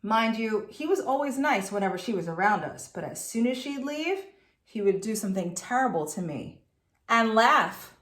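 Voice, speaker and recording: A woman's voice: medium pitch, lively intonation, moderate pace, echoey room. A woman teacher reading a storybook aloud to students, telling it expressively and adding chatty asides.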